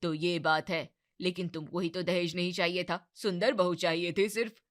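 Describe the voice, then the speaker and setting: A man voicing a calm, middle-aged husband in an animated family drama, speaking in a placating, tired way. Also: sits high, moderate pace. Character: calm middle-aged husband, weary of his wife's anger.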